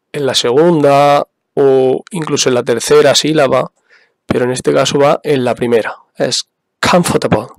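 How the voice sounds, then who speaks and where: Slow, patient male English teacher. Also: mid-range voice, no room sound, studio quality. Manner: patient, spells out examples and repeats them. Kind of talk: slow, careful explanation for beginners.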